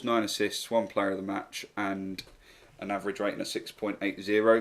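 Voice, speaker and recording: A man narrating a football management video game, calmly going through his team's signings in a steady, matter-of-fact way. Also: lowish voice. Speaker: gaming YouTuber. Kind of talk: game commentary walkthrough.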